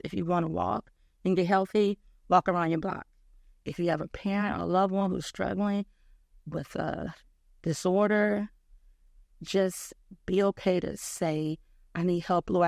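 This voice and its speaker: A woman sharing her personal story of faith and health as an interview guest, telling it in an animated, faith-filled way. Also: on the low side, vocal fry, dry recording, studio quality. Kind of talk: personal testimony in casual chat.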